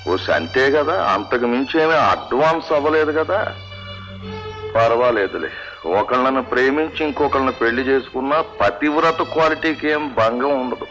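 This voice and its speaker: A man's voice: mid-range voice, normal speed, a bit bright, lo-fi sound, soft background music, lightly acted. A middle-aged man playing a scheming, wisecracking father in a 1970s film comedy. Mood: mocking. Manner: mocking, wisecracking. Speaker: girl's father.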